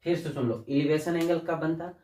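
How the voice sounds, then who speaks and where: A man's voice: on the high side, fairly even intonation, brisk, mellow. Man teaching in an echoey room. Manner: addresses students as "बच्चा", asks and answers own questions. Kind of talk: classroom lesson. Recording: echoey room, distant mic.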